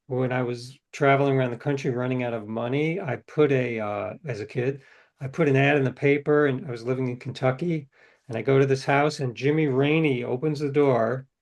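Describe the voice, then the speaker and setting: With a mid-range voice at a moderate pace, a middle-aged writer shares stories during an interview. His delivery is reflective and anecdotal, marked by hesitant restarts.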